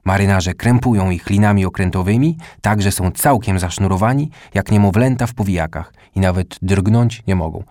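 A man voicing an excited older boy telling pirate tales in an audiobook. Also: mid-range voice, normal speed, no echo, studio quality, voice pushed up, lightly acted. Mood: soothing.

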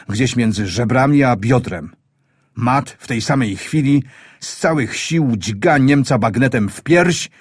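A man reading a wartime story aloud in a grave, measured, tense manner. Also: medium pitch, breathy edge, no echo, clean studio sound. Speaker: audiobook narrator. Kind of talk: scripted wartime story narration.

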